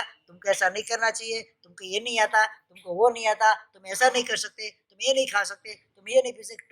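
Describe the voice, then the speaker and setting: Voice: mid-range voice, a bit bright, low-quality recording. Jain preacher in their fifties, sermonizing. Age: 50s. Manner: rhetorical questions, repetitive lists, storytelling.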